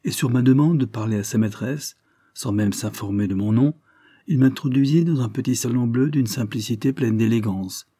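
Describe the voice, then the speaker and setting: A man narrating a classic novel in the first person in a measured, even storytelling manner. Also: medium pitch, breathy edge, no room sound, clean studio sound. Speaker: audiobook narrator.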